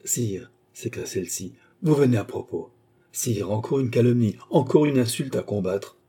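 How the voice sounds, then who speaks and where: A man's voice: mid-range voice, animated, moderate pace, mellow, slightly rough. A man reading an audiobook, voicing a proud young queen who pleads and protests in raised, indignant outbursts. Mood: urgent.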